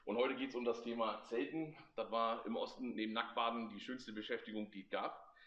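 A man's voice: medium pitch, fairly even intonation, a little fast, fairly bright tone. A man, giving a casual, wry guided tour of a collection in a large hall. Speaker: club member presenting a vehicle collection. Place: large indoor exhibition hall. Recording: slightly dull, lo-fi sound.

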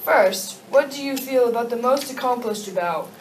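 A sock-puppet leader, played by a young woman in an amateur show, reciting stiffly. The voice is fairly high and comes from off the mic in a very echoey room. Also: expressive, normal speed, close to an everyday voice. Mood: polite, formal. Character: sock-puppet Confederate leader, commanding interviewer. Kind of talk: amateur puppet-show role-play, scripted. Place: darkened room with projection screen, puppeteers low at front. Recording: echoey room, distant mic, faint noise.

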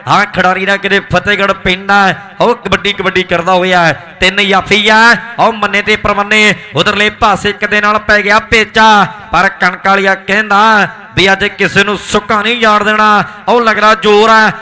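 A man with a Malwai Punjabi accent gives live kabaddi commentary in an excited, rhythmic hype style with repeated exclamations. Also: high voice, normal speed, hardly any pauses. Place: outdoor village tournament ground.

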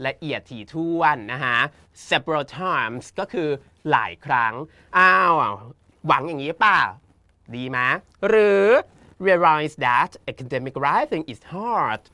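Campy, lively male tutor, bright voice. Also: a little high, no echo. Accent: Thai. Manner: campy, teasing, uses feminine polite particles; reads English options slowly and carefully. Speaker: English exam tutor. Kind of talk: playful exam lesson.

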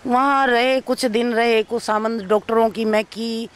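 An actress being interviewed, telling an emotional personal story and acting out what others said. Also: female voice, fairly high pitch, fairly even intonation, a little slow. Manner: recounts events by acting out others' speech.

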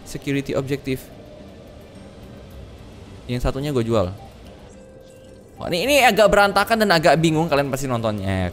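A man commenting live on a dinosaur park game, excitable and slangy, often shouting in alarm at what happens on screen. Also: mid-range voice. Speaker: gaming channel host.

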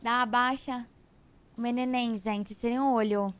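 A woman with a Brazilian accent chatting on her stream, teasing playfully with baby talk and sudden shouts. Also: fairly high pitch, fairly even intonation, slow, smooth. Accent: Brazilian Portuguese. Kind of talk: casual chat on a stream.

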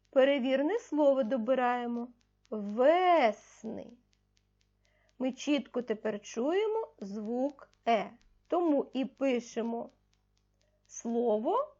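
A woman teaching young children in a recorded primary school video has a high-pitched, mellow voice, captured on dull-sounding audio. She asks questions with patience and answers them on her own, slowly stressing the words that matter.

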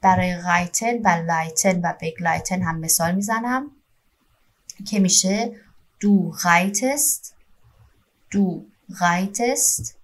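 A woman language teacher giving an online lesson, patiently explaining grammar and slowly dictating verb forms one by one. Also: on the low side. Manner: slow, careful dictation of German verb forms with Persian explanations.

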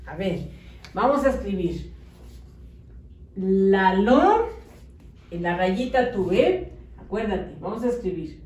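A woman teaching young children to read and write, dictating words slowly and clearly, gently praising and coaxing them, with a Mexican Spanish accent. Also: medium pitch, very animated. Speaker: primary school teacher. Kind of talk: slow, patient early-literacy lesson. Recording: echoey room, voice a bit far from mic.

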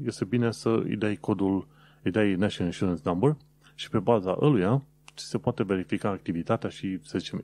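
A man's voice: on the low side, mellow. A man from Romania hosting his own podcast, explaining practical tips in a casual, conversational way with frequent hesitant fillers. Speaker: podcast host.

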